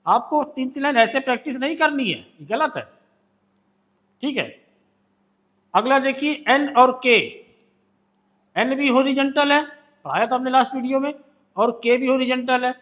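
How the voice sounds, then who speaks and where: A man's voice: very high-pitched, normal speed, long pauses, a bit bright. A man teaching a shorthand lesson, patiently drilling stroke names by repeating them. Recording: long reverb in a hall.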